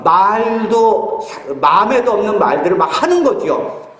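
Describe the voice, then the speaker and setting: Animated high-voiced male pastor preaching. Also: unhurried, reverberant, a little hiss or hum, rough recording. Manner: storytelling with acted-out quotes, humorous asides. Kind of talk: sermon. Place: church hall.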